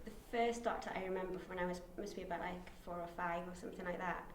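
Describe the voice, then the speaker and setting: Speaking quickly and steadily in a lowish voice, a woman auditioning as an actor chats in an unscripted, casual way, often hesitating and self-correcting. The setting is an indoor university room, and the distant recording is very echoey with faint noise.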